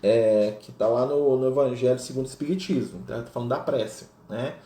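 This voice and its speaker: Man with roomy echo, mellow voice. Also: medium pitch, fairly quick. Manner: explains with many tag questions, reads passages aloud. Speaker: spiritist study group leader. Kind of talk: casual teaching talk. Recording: roomy echo with faint noise.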